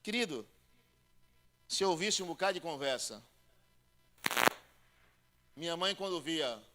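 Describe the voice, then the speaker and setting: A man preaching a sermon as a pastor with a Bahian Brazilian accent, emphatic and direct, acting out doubters in a higher voice. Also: animated, measured pace, heavy background noise. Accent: Brazilian Portuguese, Bahian. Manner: emphatic, calls listeners "querido" and "irmão", acts out doubters in a high voice.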